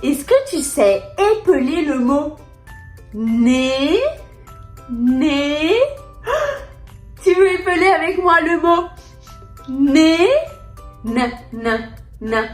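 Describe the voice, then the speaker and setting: Brief: toddler-video host, a woman with a very high, drawn-out sing-song delivery, in a roomy space with light music under her. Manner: sing-song, gushing exclamations, drawn-out words. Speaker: children's educational host. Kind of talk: slow, exaggerated talk to toddlers. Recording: roomy sound with soft background music.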